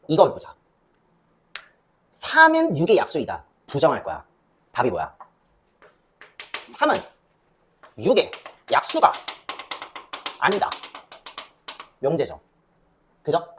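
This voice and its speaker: A woman's voice: low voice, a little hiss or hum. Young woman math teacher, rising and falling voice, quizzes and answers herself. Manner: lively, asks and answers her own questions. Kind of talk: classroom lecture.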